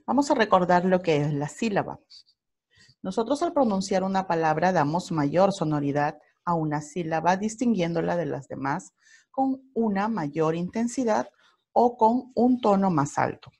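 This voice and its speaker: A woman with a Peruvian Spanish accent teaching a recorded primary school grammar lesson, explaining slowly and carefully with worked examples. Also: lowish voice, lively intonation, a little mellow, husky.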